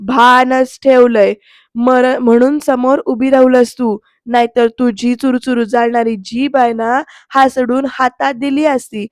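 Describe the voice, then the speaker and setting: Bossy old village matriarch, woman, drawn-out defiant threats, high voice held on one narrow line, dry close sound, as a female narrator reads her part. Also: flat delivery, no room sound, natural voice.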